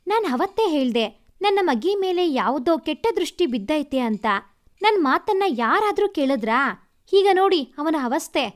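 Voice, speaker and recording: A woman's voice: sits high, very animated, moderate pace. A woman voicing an anxious, superstitious village mother who complains in rustic everyday speech. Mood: complaining.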